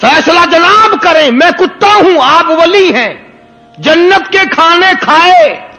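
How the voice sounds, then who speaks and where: A man's voice: very high voice, lively intonation, bright, forceful tone, big-room sound, soft background music, pitched above the performer's own voice, exaggerated voice. A man voicing a loyal dog who reproaches a saint with rhetorical questions. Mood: reproachful. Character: shameless-accused dog, loyal, scolding a saint.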